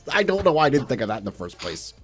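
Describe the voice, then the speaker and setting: A man's voice: medium pitch, very animated, a little fast, slightly rough, faint music behind. A man co-hosting a gaming talk show, chatting casually and animatedly, calling the viewers guys. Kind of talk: casual chat.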